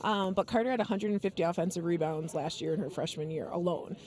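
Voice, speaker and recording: A woman's voice: lowish voice, quick pace, a little mellow. A middle-aged woman, a basketball head coach, talking casually in an interview with frequent fillers and jokes. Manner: joking, chatty, many fillers.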